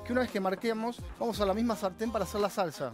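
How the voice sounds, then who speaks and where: Talking very fast over music, a chef in his thirties from La Plata uses a high voice with an Argentine Spanish accent. In a TV studio kitchen, he explains his recipe in a chatty cooking demonstration, with hesitant restarts.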